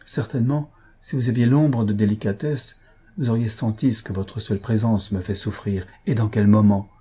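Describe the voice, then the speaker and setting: A man reading an audiobook, voicing a composed, dignified young woman who speaks in a measured, stern and formal way. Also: fairly low pitch, fairly even intonation, warm tone, slightly rough. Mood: dignified reproach.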